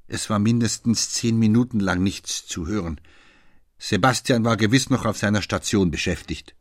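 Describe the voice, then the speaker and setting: A man reads literary prose with measured pacing. His voice is very low and husky, recorded dry and close with no room sound. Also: dry recording. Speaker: narrator. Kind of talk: audiobook reading.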